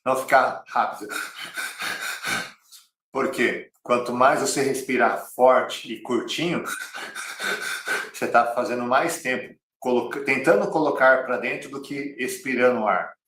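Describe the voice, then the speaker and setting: A man's voice: medium pitch, measured pace, long pauses, fairly bright tone. A man with a Brazilian Portuguese accent teaching an online cycling lesson, direct and repeating key phrases like a coach. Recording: roomy, slightly distant mic.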